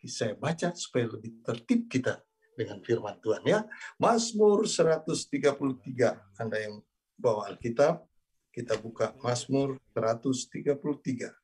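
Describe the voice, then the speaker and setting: Husky male preacher telling stories. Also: medium pitch, moderate pace. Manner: animated storytelling, voices quoted characters. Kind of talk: sermon over video call. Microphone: video call.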